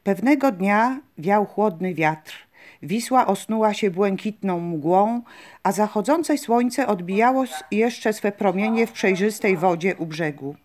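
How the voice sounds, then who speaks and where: A woman reading a folk legend aloud in a calm, measured way. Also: mid-range voice.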